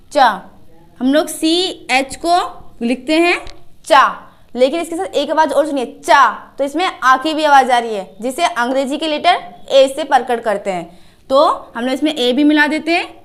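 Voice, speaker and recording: A woman teaching children to write letters, with slow repeated drills and questions to the class. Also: high voice, fairly bright tone. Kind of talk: children's writing lesson.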